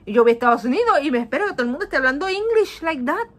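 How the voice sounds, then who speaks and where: A Puerto Rican woman in her thirties, with a very fast, high-pitched voice and a Puerto Rican Spanish accent, teaches children a Bible lesson over a video call webcam from a small indoor room. She's animated, acts out people's voices, slips in English, and often asks "¿ok?"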